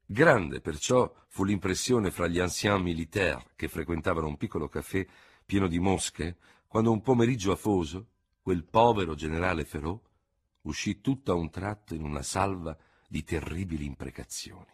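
Male narrator, low husky voice, measured dramatic storybook reading. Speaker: audiobook narrator. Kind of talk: scripted narration.

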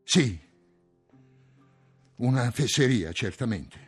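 A man reading an audiobook, voicing an anxious, touchy middle-aged man who flares into shrill outbursts. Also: lively intonation, takes it slowly, husky, soft background music.

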